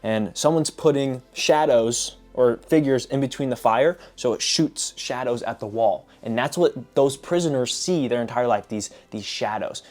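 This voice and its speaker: A man casually summarizing lessons from books, telling stories in an animated way with repeated filler phrases. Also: mid-range voice. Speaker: book reviewer. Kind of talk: casual book summary vlog.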